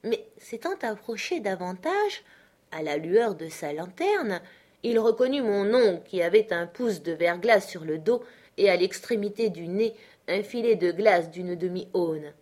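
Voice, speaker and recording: A woman reading a classic novel aloud in a measured storytelling manner. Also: lowish voice, a little mellow. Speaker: audiobook narrator. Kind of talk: literary audiobook narration.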